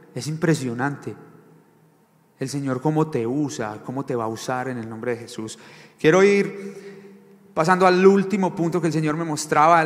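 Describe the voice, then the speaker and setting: A male pastor giving a sermon, asking the congregation questions and repeating key phrases for emphasis. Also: medium pitch. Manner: preaching with rhetorical questions and repetition. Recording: long reverb of a large hall.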